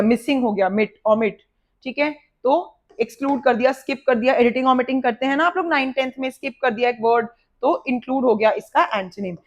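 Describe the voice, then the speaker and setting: A woman with an Indian accent teaches a vocabulary lesson, her voice sitting a little high. She explains each word with memory tricks and repeats them. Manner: lively explaining with repetition.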